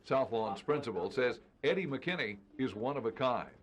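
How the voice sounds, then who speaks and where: A man's voice: mid-range voice, expressive, normal speed. A man reading scripted narration for a television news feature.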